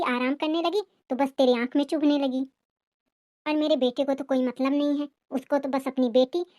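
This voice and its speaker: Cartoon mother-in-law, middle-aged and harsh, keeps scolding; a woman voices her high and dry. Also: a little mellow, dry recording, natural voice. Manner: scolding, accusing. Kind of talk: cartoon family drama voicing.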